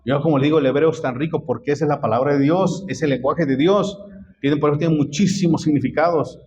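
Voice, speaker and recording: A man's voice: on the high side, fast, darkish tone, low-quality recording. A man preaching a sermon as pastor, often stopping to quiz the congregation with repeated questions.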